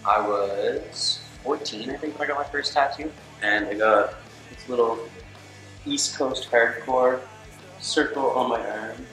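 A man's voice: mid-range voice, measured pace, fairly bright tone. An eighteen-year-old man from Canada talking casually in a seated interview, full of "like" fillers. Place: studio with gray backdrop. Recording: roomy studio with music bed.

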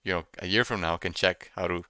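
A young man doing casual live trading commentary, thinking out loud and repeating his phrases as he muses. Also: sits low, fairly even intonation, quick pace, clear, resonant tone, dry recording, studio quality. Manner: repeats phrases while musing to himself. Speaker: day trader streaming live. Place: small room indoors at a computer desk.

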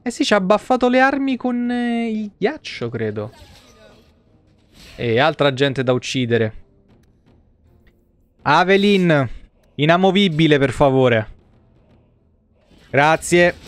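Streaming from an indoor home setup, a man in roughly his thirties jokes his way through live game commentary, cursing without restraint. He has a high voice, and the audio has no echo.

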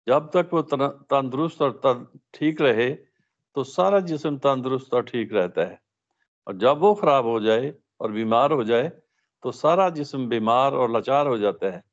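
A middle-aged man at a religious study session, reading a prepared talk aloud in a measured, recited way with the odd slip. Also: mid-range voice, highs cut off.

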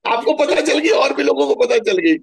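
A middle-aged man from Maharashtra telling stories in a chatty, animated way during a spiritual talk. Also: very high voice, moderate pace, gravelly, a loud crowd. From Maharashtra, India. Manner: chatty, animated storytelling with asides. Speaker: spiritual guest answering questions.

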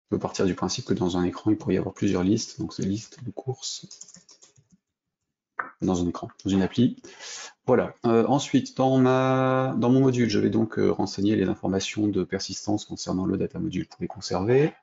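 Man, French accent, gravelly voice, hesitant coding tutorial, dull lo-fi audio. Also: lowish voice, steady tone, moderate pace, mellow. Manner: hesitant, many fillers and restarts, thinks aloud while clicking. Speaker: programming instructor. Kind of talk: screen-recorded coding tutorial.

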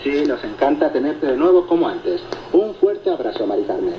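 This is a man co-presenting a radio show, his voice slightly high and very animated, moving at an ordinary speed. He reads listener reports aloud and replies in an easygoing way, all received via shortwave that sounds muffled and echoey under heavy static.

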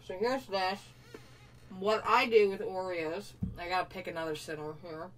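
A young woman talks casually into a camera, joking at her own expense and chatting while she chews. Her voice sits a little low for a woman. The mic is set back from her, with a faint hiss behind. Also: fairly even intonation, normal speed, a bit bright. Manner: playful, self-mocking, talks with mouth full. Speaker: vlogger. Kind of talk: casual unboxing vlog. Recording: distant mic with faint room noise.

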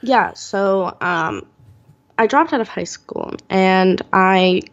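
Young woman, eighteen, interview guest, earnest, halting with fillers, slightly muffled recording. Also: medium pitch, expressive. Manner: earnest, many "um" pauses. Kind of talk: podcast interview, personal story.

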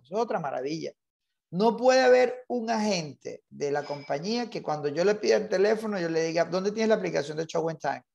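A man's voice: fairly high pitch, creaky. A man leading an online real estate training class, insistent and repetitive, mixing English terms into his Spanish.

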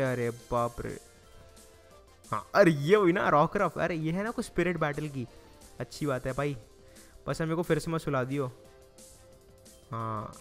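A young man with an Indian Hindi accent giving casual, chatty commentary on a game he is playing, groaning dramatically and pleading with the game. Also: mid-range voice. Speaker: gaming YouTuber. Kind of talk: casual Let's Play commentary. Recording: faint music behind.

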